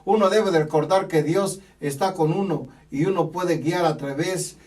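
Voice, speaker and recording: A man delivers a sermon in a high voice, pressing his point by repeating phrases and adding amen between lines. He sounds set back from the microphone, a little distant. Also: normal speed, darkish tone. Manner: emphatic, repeats phrases, punctuates with "amén". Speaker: preacher. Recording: voice from a distance from the mic.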